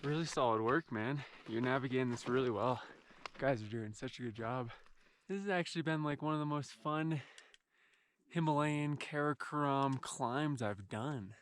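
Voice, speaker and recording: Guy climber doing casual vlog commentary, slangy and exclamatory, mid pitch, noisy outdoors. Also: moderate pace. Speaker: mountain climber. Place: outdoors on a mountain ridge.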